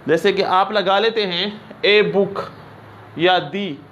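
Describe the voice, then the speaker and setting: High-voiced male English teacher lecturing. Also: fairly even intonation, a bit bright, dull audio. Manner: explains slowly, repeats examples, checks understanding. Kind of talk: classroom lecture.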